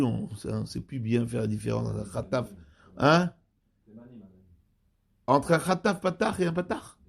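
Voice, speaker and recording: A man, a rabbi giving a Torah study lesson, explaining slowly and repeating and rephrasing terms. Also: medium pitch, creaky.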